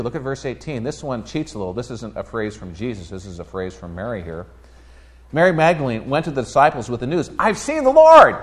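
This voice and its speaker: A man preaching a sermon in a church, telling a story conversationally with lively quoted voices. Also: mid-range voice. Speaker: pastor. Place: church sanctuary.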